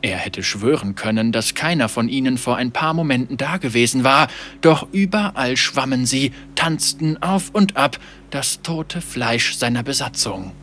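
Bright-voiced male audiobook narrator. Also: medium pitch, lively intonation, measured pace, slight background noise. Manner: vivid, dramatic storytelling. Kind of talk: dramatic scripted narration.

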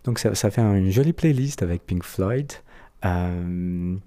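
Podcast host, a man with a Brazilian accent, deep voice, warm flowery phrasing. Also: lively intonation, a little slow. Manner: flowery, effusive compliments. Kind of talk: podcast interview.

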